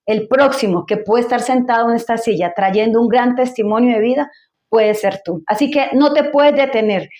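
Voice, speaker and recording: A woman's voice: on the high side, normal speed, darkish tone. A woman hosting a church interview program, who exhorts listeners in an uplifting, preaching way.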